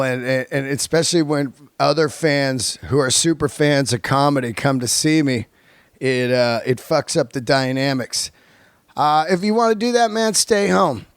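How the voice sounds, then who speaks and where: A man in his early fifties, a podcast host and stand-up comedian, talks casually to his listeners in a laid-back, slangy, sweary style. His medium-pitched voice is measured and clean, captured in clean studio sound with no room sound.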